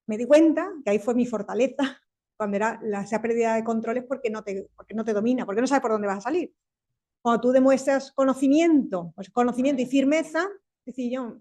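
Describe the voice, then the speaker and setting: A woman in her fifties with a Spanish accent, speaking on a panel as a tech company executive, animated and quick, laughing often and restarting her sentences. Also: fairly high pitch. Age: 50s. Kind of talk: panel discussion.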